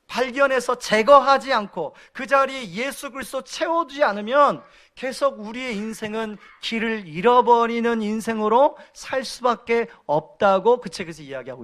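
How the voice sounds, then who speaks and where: A male pastor in his forties delivers a sermon in a high voice. He talks in a relaxed, conversational way, sharing stories from home. Now and then he stops to put questions directly to the congregation.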